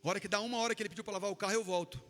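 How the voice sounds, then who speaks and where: A male preacher telling a story in a sermon, animated and emotional. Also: high voice, rapid-fire, big-room sound.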